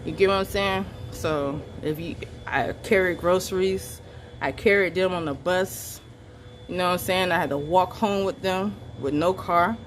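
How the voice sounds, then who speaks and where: A woman's voice: on the low side, normal speed, a little hiss or hum. Defiant woman venting bluntly. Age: adult parent of three children. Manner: blunt, profane, emphatic and defiant. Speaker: vlogger recounting her arrest. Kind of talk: angry storytelling vent.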